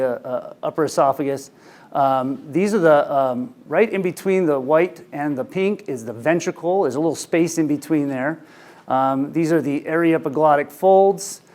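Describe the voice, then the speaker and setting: An ENT physician in his forties lectures clinicians informally in a conference room, microphone in hand. His voice leans high with a darkish color. He tells anecdotes and leans on filler words often.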